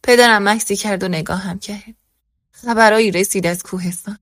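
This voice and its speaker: A woman's voice: mid-range voice, dry recording. Woman narrating a story in a dry booth. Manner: voices every character in the same even narrating voice. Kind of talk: scripted first-person story narration.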